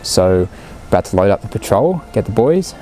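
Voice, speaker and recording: A man's voice: on the low side, big pitch swings, moderate pace, warm tone, faint music behind. A young Australian man hosting a vlog, chatting casually and slangily to camera and joking with his friends. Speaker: vlog host.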